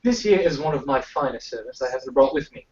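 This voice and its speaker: A man voicing a wealthy, pompous male merchant with a put-on British accent, haggling in a smooth, courteous way. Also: medium pitch, animated, fast, a little mellow, close to an everyday voice. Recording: roomy, distant, dull amateur recording.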